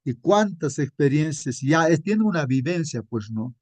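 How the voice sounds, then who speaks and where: A man with a fairly high voice delivers a relaxed, story-driven sermon as a Sabbath school teacher. He keeps checking in with his listeners through short tag questions and calls them brothers. The recording is dry and close, with no room echo. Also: measured pace. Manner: conversational, adds frequent tag questions.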